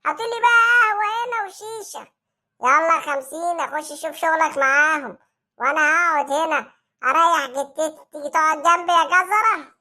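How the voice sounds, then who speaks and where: Brief: performer as a cocky cartoon street boss with an Egyptian accent, very high and sharp-toned. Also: a little fast. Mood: lordly. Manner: swaggering, ordering others around. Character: bossy male street gang boss, loud and boastful. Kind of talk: comic cartoon acting.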